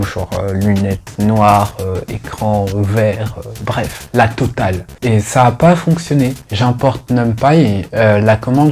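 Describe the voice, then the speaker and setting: A man's voice: fairly low pitch, a little mellow. A young man vlogging in a casual, self-mocking way, full of fillers and restarts. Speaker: youtuber. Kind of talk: casual vlog chat. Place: indoors at home. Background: faint background music.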